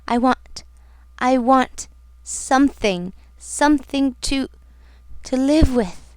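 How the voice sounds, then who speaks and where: A heartbroken young woman mourns the man she loved in a low, pleading murmur, voiced by a woman reading the story. Her tone stays smooth and clear throughout. The recording is dry and close. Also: lively intonation, unhurried, no room sound. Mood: grieving.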